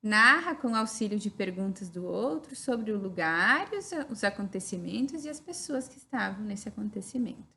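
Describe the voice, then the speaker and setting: A woman's voice: medium pitch, lively intonation, moderate pace, gravelly, few pauses, sharp tone, slight background noise. A woman with a Brazilian Portuguese accent giving a recorded teaching lecture, explaining step by step and often checking in with "né?". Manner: didactic, frequent "né?" tag questions.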